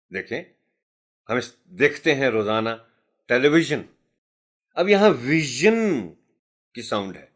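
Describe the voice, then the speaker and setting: A man from Pakistan giving a teacher-training lecture, asking rhetorical questions and answering them himself, and slowing sharply to stress key headings. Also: lowish voice, fairly bright tone. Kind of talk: classroom lecture.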